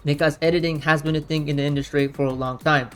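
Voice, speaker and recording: A man's voice: fairly high pitch, level tone, quick pace, fairly bright tone, clean tone, soft background music. A man giving unscripted, argumentative commentary in a blunt, rambling way. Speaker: reaction commentator.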